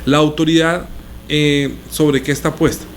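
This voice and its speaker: A man's voice: a little high, level tone, unhurried, slight background noise. A male pastor teaching a sermon in a conversational way, explaining scripture with everyday examples.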